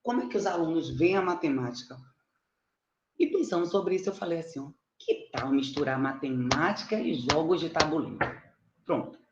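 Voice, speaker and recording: A middle-aged mathematics teacher from Salvador presents her research informally on an online conferencing platform, indoors. Her voice is low with lively intonation and a moderate pace, carrying a Bahian Brazilian Portuguese accent, and she's chatty and self-deprecating, checking in with listeners often. The background is noisy, and the online call audio is muffled and roomy.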